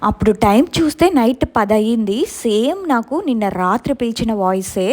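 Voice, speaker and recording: A woman recounts a true ghost story in a steady first-person telling. Her voice sits a little above the usual pitch for a woman. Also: brisk.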